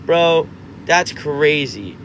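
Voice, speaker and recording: A man's voice: fairly high pitch, expressive, very slow, a bit bright, slight background noise. A man in his twenties, a musician chatting casually on a livestream, reading out comments and rambling with frequent restarts. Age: 20s.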